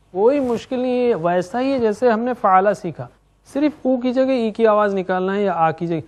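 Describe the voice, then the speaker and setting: A middle-aged man teaching Quranic Arabic grammar, chanting verb forms in rhythmic drills and explaining them in sprinkled with English words. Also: sits high. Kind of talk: classroom lecture with drills.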